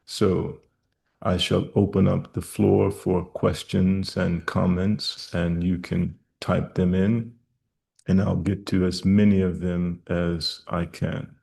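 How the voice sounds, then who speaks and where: A man hosting a live stream, answering viewer questions in a formal, measured way with elaborate vocabulary. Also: low-pitched, little pitch movement, creaky, darkish tone. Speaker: host of a health live stream.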